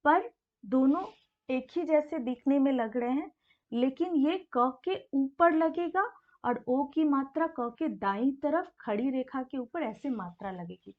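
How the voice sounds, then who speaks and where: A woman's voice: sits high, phone-quality sound. A woman teaching a basic language lesson, patiently repeating each sound and asking questions she then answers herself. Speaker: Hindi teacher. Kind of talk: slow explanatory lesson.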